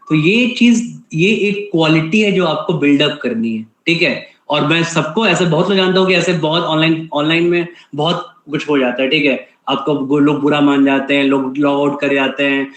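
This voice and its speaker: A stern man with an Indian English accent lectures his online class, switching back and forth between Hindi and English and tagging almost every sentence with a check for agreement. His voice sits a little high for a man. The sound is roomy and echoey, as if he were recorded in a bare room on a computer mic. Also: moderate pace, hardly any pauses, a bit bright. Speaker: online teacher.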